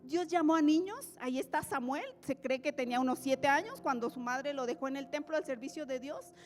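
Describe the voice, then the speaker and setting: Lady preaching in church, high voice, lively storytelling, big echo and soft music. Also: a little fast. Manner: animated, dramatic storytelling. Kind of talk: sermon.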